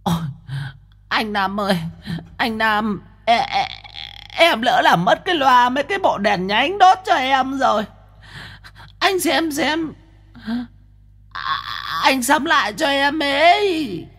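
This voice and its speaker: A man's voice: extremely high pitch, expressive, pushed and bright, voice pushed up, full character voice. A man voicing a flamboyant, effeminate ghost who is whiny and dramatic, wailing and drawing out his pleas. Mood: pleading. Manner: wailing, drawn-out pleading. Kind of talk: audiobook ghost story.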